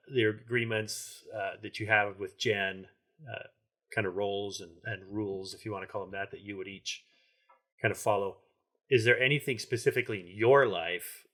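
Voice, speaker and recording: A man hosts a podcast conversation with a lowish voice. He speaks reflectively and measuredly, padding his questions with small fillers. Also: fairly bright tone. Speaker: podcast host.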